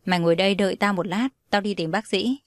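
A woman's voice: medium pitch, steady tone, fast talker, dry recording, clean studio sound, lightly acted. A woman voicing a young female friend who is anxious, bossy and blunt in a storybook reading. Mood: urgent.

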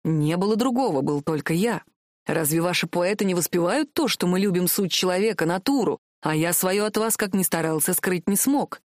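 Brief: woman reader as a young prince, unruffled and teasing, set a bit lower, dry sound. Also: moderate pace, no echo, lightly acted. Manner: calm, self-assured, mocking. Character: teasing, stubborn young male prince in love. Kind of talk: audiobook character voice.

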